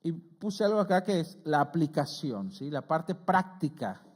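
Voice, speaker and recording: A middle-aged man, a pastor preaching a conversational sermon who often checks in with his listeners and rises in pitch and volume when he quotes scripture. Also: big pitch swings, unhurried, a little mellow, slightly rough. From Argentina. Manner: earnest, conversational preaching with frequent "¿sí?" check-ins.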